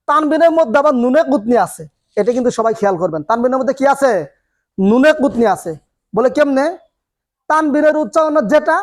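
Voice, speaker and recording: A man teaching Quran reading in a classroom, asking the students questions and answering them himself as he repeats each rule. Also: very high-pitched. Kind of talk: classroom lesson.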